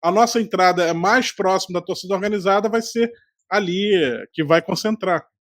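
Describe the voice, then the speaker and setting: High-voiced male podcast host. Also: normal speed, fairly bright tone, no room sound, clean studio sound. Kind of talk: casual chat.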